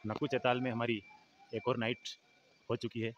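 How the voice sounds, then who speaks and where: A man narrating his travel vlog outdoors by a hill lake, talking in a soft, low-key way into a handheld phone. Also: little pitch movement, normal speed. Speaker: travel vlogger. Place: outdoors at a lakeside in hills. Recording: lo-fi phone audio with outdoor noise.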